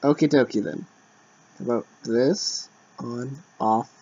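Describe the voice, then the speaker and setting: A man's voice: medium pitch, unhurried, mellow, husky. A man giving casual commentary as he plays a game, with informal, wry asides. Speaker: gamer. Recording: muffled, dull sound over game music.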